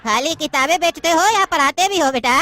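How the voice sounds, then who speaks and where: A woman's voice: high-pitched, expressive, fairly quick, bright, forceful tone. Woman voicing a bossy old judge with a lilt. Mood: mocking. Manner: bossy, mocking, lecturing. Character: pompous old male judge near retirement. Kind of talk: cartoon comedy dubbing.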